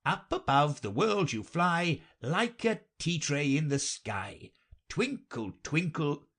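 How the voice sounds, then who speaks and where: A man's voice: on the high side, big pitch swings, slow, a bit bright, breathy edge, voice pushed up, full character voice. A man voicing an odd, mournful hatmaker who rambles theatrically.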